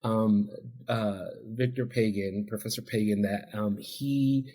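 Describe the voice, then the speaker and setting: On a podcast, a Spanish-speaking man who works as an addiction counselor shares his personal story with earnest, reflective feeling. He talks slowly in a warm, fairly low voice, and the audio quality is poor.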